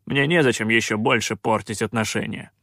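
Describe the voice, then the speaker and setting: A man's voice: fairly low pitch, fairly even intonation, brisk, creaky, fairly bright tone, dry recording, clean studio sound. A man voicing a cocky, sarcastic male pirate captain who snaps back with irritated scorn. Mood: scornful. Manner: scornful, irritated, coolly offhand.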